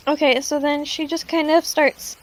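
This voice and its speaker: High-voiced, hesitant woman player. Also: flat delivery, moderate pace, poor audio. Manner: hesitant, filler-heavy. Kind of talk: tabletop role-play.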